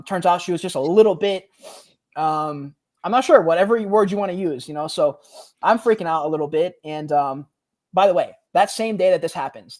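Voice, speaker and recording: A young man talks as a podcast guest, in a loose, slangy storytelling way. He acts out the other people in his story, and his pitch swings a lot as he does. He speaks in casual conversation rather than from a script. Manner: animated, slangy, says "bro" often, acts out quotes.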